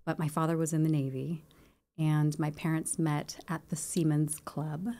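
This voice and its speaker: Woman in her 40s on a podcast boom mic, low mellow voice, rambles thoughtfully. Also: little pitch movement, normal speed. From born in Japan. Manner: reflective, rambling with many fillers. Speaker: podcast guest. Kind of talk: casual interview chat. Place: podcast studio. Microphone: boom mic on arm.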